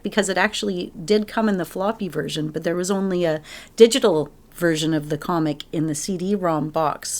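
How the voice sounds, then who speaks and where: A woman with a lowish voice talks through a classic game's plot for her podcast. She is chatty and eager, piling one detail onto the next. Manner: enthusiastic storytelling with laughs. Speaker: podcast co-host. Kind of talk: casual chat.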